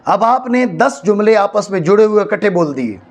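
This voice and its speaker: A Pakistani teacher of Arabic grammar gives an animated lecture in a madrasa classroom, his voice fairly high. Pausing often to confirm his students are keeping up, he drives points home by repeating key phrases slowly.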